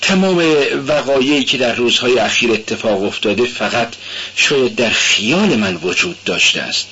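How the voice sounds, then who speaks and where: A man reading aloud and voicing an anxious, brooding young male student in a low, subdued, uneasy way. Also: animated, bright, forceful tone, dull audio, slight background noise.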